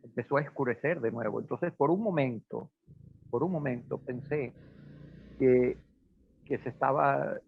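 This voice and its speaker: A gravelly, mid-range male voice tells a personal story, hesitant and conversational with lots of fillers. He is from Portugal but grew up in Venezuela. The recording is dry with no room sound and a narrow, phone-like band.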